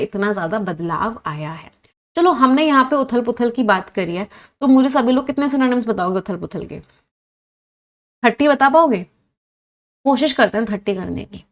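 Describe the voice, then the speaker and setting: Woman, fairly high voice, vocabulary teacher, quizzing students, praising answers, switching between Hindi and English. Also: fairly bright tone. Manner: mixes Hindi and English, spells words out.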